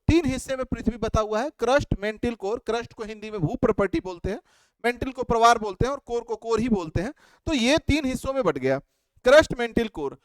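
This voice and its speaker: A man's voice: very high voice, clean tone, no room sound. A man teaching at a board, asking questions and answering them himself, repeating key terms like a drill. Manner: drawing on a board while explaining. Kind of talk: whiteboard lecture.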